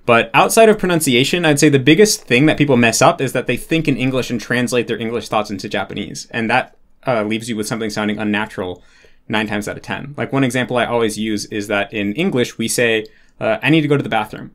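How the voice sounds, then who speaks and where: A man's voice: medium pitch, fast. A man talking casually as an interview guest, explaining ideas thoughtfully and filling gaps with "like". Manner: thoughtful, explanatory, many "like" fillers. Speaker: interview guest, Japanese learner.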